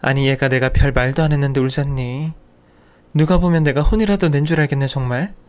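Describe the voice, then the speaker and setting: A man's voice: mid-range voice, steady tone, brisk, a little mellow, clean tone, natural voice. A man playing a sneering old great-aunt. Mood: scolding. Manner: sneering, scolding. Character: sharp-tongued older woman, scornful great-aunt.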